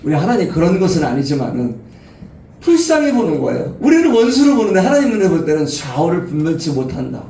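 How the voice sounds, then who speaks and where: A middle-aged man preaching at a youth retreat, animated and laughing as he acts out everyday scenes. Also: fairly high pitch, fast, gravelly. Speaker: pastor. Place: church retreat hall. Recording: roomy hall, distant mic, faint ambience.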